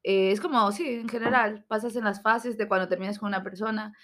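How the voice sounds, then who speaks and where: A woman's voice: medium pitch, steady tone, a little fast, a bit bright. A woman in casual chat as a podcast co-host, joking with dry asides and frequent tag questions.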